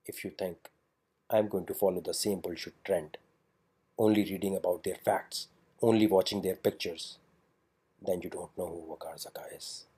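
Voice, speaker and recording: A man's voice: low-pitched, steady tone, drawn-out words, dark tone, breathy edge. A man narrating a scripted voice-over in a defiant, provocative way.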